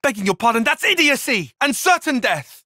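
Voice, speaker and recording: Taion, prim young strategist, expressive pitch. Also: male voice, fairly quick, no room sound, clean studio sound, full character voice. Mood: alarmed, indignant. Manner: precise, formal, slightly prim phrasing. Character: analytical, reserved young male military strategist, earnest and proper. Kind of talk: video game cutscene acting.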